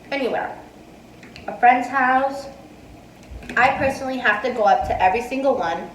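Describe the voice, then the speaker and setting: A young woman in her twenties, vlogging a mukbang, chats casually and answers viewer questions between bites indoors in her dining room. Her high-sitting voice comes through an earphone mic with her phone in hand, but the audio is poor, echoey, and recorded from a distance, with a little hiss or hum.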